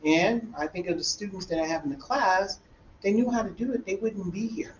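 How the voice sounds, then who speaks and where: A man who teaches college algebra, telling an animated classroom story in a discussion group and acting out the dialogue. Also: high voice, fairly quick. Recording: roomy, dull sound with faint room noise.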